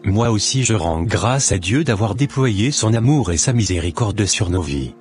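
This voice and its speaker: A male actor voices a devout, forgiving cartoon husband, sounding grateful and contrite. His low-pitched delivery is earnest and measured, animated but only lightly acted, with soft music underneath.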